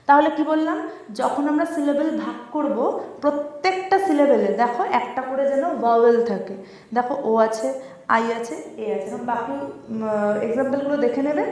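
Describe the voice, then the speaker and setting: A woman's voice: high-pitched, darkish tone, roomy sound. A woman teaching an English pronunciation lesson, patiently explaining syllables and often checking that her students follow. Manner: patient, repeats words slowly and checks in with "কেমন?". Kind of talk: Bengali-language lesson explaining syllables, writing examples.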